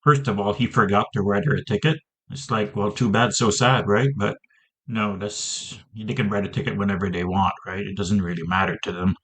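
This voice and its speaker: A man's voice: lowish voice, fairly even intonation, fairly quick, fairly bright tone. A man hosting a news channel, giving sarcastic, mocking commentary. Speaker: show host.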